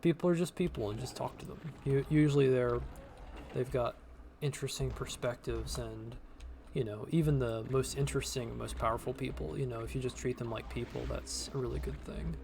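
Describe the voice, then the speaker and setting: This is a man in his thirties with a gravelly, creaky edge to his voice, chatting casually as he plays. He rambles earnestly and slips into friendly advice. A faint hiss sits under the recording. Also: mid-range voice, steady tone, a little fast, a little mellow. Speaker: podcast co-host playing a game. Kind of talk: casual chat while gaming.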